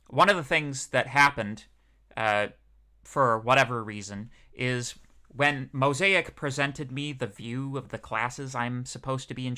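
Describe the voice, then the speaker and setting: A man's voice: mid-range voice, bright, forceful tone, clear, resonant tone. A young man, a PhD student teaching a university course, giving a casual livestreamed lecture in a chatty, rambling way with many fillers.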